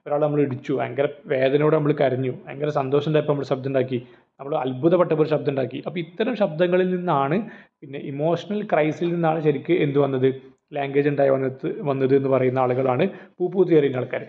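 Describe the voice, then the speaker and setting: A man's voice: medium pitch, steady tone, fast talker. A man teaching an exam-prep lecture, explaining with rhetorical questions and everyday examples. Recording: phone-like narrow audio.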